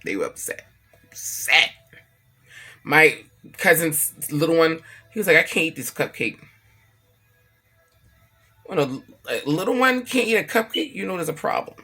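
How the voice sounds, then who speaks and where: A woman vlogging casually about family, telling an animated, profane story and acting out what others said. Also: low-pitched, normal speed, breathy edge, faint music behind. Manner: emphatic, repeats herself for effect.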